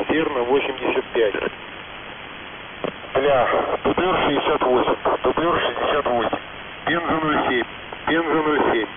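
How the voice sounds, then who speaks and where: A man calls out code words and numbers over a walkie-talkie, repeating each one twice at a steady, measured beat. His voice sounds thin and narrow, like a phone line, and seems to come from some way off the mic. Loud static hisses under every word. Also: mid-range voice. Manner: repeats each call sign twice in an even, steady cadence. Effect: over a walkie-talkie radio. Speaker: radio operator. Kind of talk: reading radio call signs. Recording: tinny, distant radio transmission with loud hiss.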